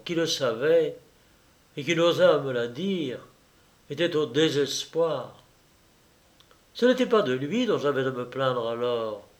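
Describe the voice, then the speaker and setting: Man narrating a classic novel, measured. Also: on the high side. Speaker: audiobook reader. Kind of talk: scripted literary narration.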